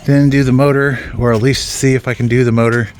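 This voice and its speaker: A man's voice: mid-range voice, level tone, fast talker, darkish tone. Man, casual how-to vlog narration, rambling with ums, outdoors, faint background noise. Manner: rambling, many ums, mild swearing. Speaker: vlogger working on his own vehicle. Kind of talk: casual how-to commentary while working. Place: outdoors in a yard beside a vehicle.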